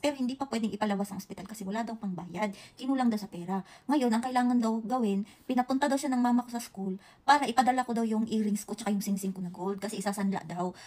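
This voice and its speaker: A Visayan woman whose first language is Bisaya tells a personal story to her viewers in a halting way, full of restarts and self-corrections. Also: mid-range voice, darkish tone. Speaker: vlogger. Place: Japan.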